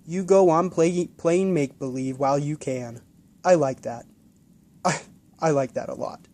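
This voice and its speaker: A kind old man with a scratchy, gentle voice, as a man puts him on. He speaks slowly and warmly, with a soft, mellow tone. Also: fairly high pitch. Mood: kindly. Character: kind elderly blind man.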